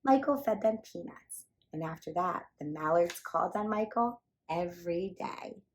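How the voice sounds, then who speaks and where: With a voice on the low side and a normal speed, a woman narrates a children's picture book as a storyteller. Her delivery is animated and emphatic, meant for little listeners.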